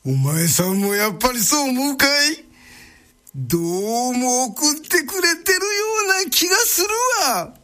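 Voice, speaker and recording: A woman's voice: high-pitched, very animated, a little slow, sharp tone, exaggerated voice. A woman voicing jittery old villagers in Tango dialect. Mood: uneasy. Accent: Tango, Kyoto dialect. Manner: drawling, jumpy, cries out in alarm. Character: fretful old village men on a night road. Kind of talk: folk tale storytelling.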